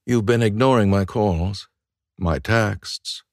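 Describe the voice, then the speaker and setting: A woman voicing a domineering wealthy man, speaking low and commanding in an audiobook story. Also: slow, no room sound, clean studio sound, heavily acted.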